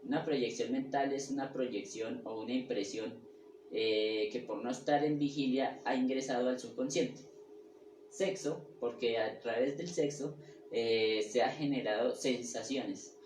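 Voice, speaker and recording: A man teaches a spiritual class in a halting, repetitive way, often pausing to check that his listeners follow. He sounds echoey and set back from the mic, with a faint hum of room ambience behind him. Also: mid-range voice, steady tone, darkish tone, recorded from a distance. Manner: halting, with restarts and repeated words. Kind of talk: lecture on the ego and personality.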